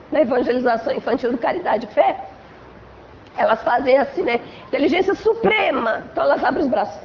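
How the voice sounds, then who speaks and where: A woman with a Brazilian Portuguese accent speaks high and clear as she lectures to a spiritual gathering, keeping it conversational with little tag questions and acted-out examples. The recording is a bit dull and lo-fi, with a faint hiss underneath. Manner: conversational, frequent "né?" tags, acts out examples. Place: assembly hall of a spiritual center.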